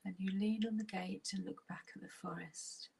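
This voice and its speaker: Over poor audio, a woman leads a relaxation meditation in a husky, breathy near-whisper. Her voice is mid-range with fairly even intonation, and her pace is slow and comforting, full of long pauses.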